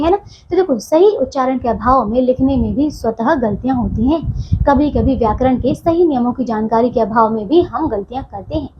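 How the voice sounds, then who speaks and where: A woman's voice: sits high, lo-fi sound, a little hiss or hum. A woman teaching a grammar lesson to children. She often says "theek hai" and sets each wrong form against the right one. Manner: addresses children warmly, repeats "theek hai", contrasts wrong and right forms.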